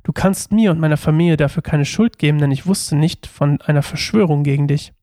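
An old, loyal high priest from a scripture reading defends himself slowly and earnestly, as a man reads his part. The delivery is unhurried and reasoned. The recording is close and dry. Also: warm tone, dry recording, close to an everyday voice.

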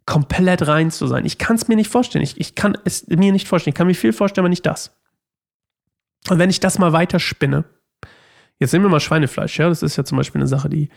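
A man's voice: on the high side, vocal fry. A man hosting a daily Bible study show, reading scripture aloud and then talking it through in a rambling, chatty way full of fillers. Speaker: Bible study podcast host. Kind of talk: casual Bible commentary.

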